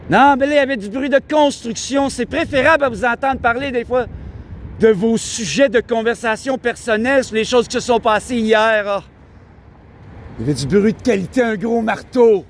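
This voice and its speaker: A man's voice: extremely high pitch, moderate pace, slight background noise. A man with a Québécois French accent, rambling preachily and grandiosely in a street vlog monologue recorded outdoors downtown. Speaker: vlogger.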